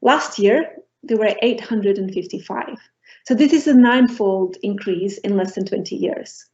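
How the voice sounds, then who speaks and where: A woman's voice: mid-range voice, normal speed, darkish tone. Hesitant woman lecturer from Portugal. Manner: hesitant, many ums and restarts. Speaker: professor giving a talk. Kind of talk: academic lecture. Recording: dull lo-fi recording.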